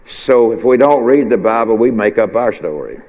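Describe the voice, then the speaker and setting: Pastor, male, low voice, loose conversational preaching with call-and-response, reverberant sanctuary. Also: lively intonation, normal speed, a little mellow. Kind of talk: informal midweek sermon. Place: church sanctuary. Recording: long hall reverb.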